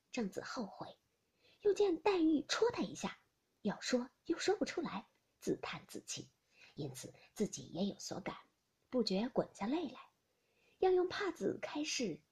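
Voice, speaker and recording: A woman reading a classic novel aloud, expressive, often dropping into a breathy whisper. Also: medium pitch. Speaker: audiobook reader.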